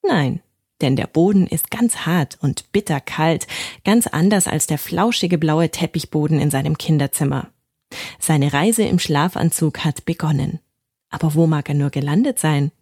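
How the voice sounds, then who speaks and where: Storyteller: woman, gentle bedtime reading, husky tone, dry close mic. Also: low voice, a little slow, no room sound.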